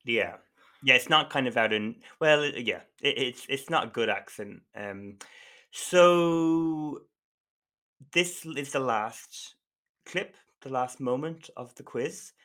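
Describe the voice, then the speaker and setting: A man co-hosts a podcast and runs a quiz in casual chat. He teases his partner in an animated way. His voice is bright and forceful. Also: mid-range voice, takes it slowly. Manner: teasing, animated. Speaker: podcast co-host, quizmaster.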